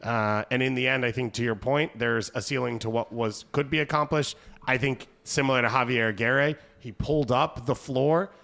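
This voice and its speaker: A man of middle pitch leads a soccer talk show in a quick, conversational way. He thinks aloud and strings his points together loosely. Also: steady tone, gravelly, fairly bright tone. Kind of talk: casual panel discussion.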